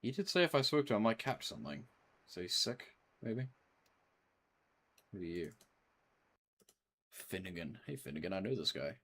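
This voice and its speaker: A man with a fairly low, very animated voice gives casual gameplay commentary. He is slangy, swears freely and talks to himself as he plays. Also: normal speed, pauses often, breathy edge. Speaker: video game streamer.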